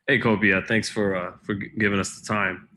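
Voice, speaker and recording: A male reporter on a video press call with a lowish, bright and forceful voice. He asks his questions loosely and conversationally, circling back as he phrases them. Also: flat delivery, fairly quick.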